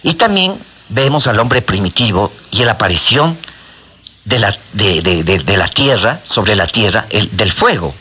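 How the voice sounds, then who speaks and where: Male guest expert, low pitch, forceful edge, explains at length with halting repeats. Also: expressive, a little hiss or hum. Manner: repeats words while searching for the next. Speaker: acupuncture and medicine guest expert. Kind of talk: explanatory talk to a host.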